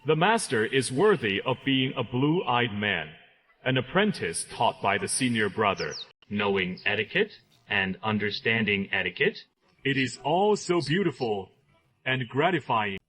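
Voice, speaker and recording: A man voicing an excitable, envious Taoist sect elder in an overacted anime dub, with a husky voice and a theatrical, pleading and grumbling manner. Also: mid-range voice, a little hiss or hum, low-quality recording.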